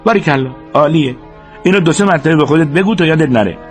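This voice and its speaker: A man voicing a sharp-tongued exasperated ranch hand. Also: fairly high pitch, lively intonation, faint music behind, pitched above the performer's own voice, lightly acted. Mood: scolding. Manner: scolding, raised voice, emphatic. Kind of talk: audiobook character voice.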